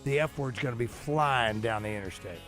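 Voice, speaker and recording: A man's voice: medium pitch, a little fast, a bit bright, faint music behind. A man co-hosting radio with folksy, repetitive, informal banter. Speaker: radio co-host.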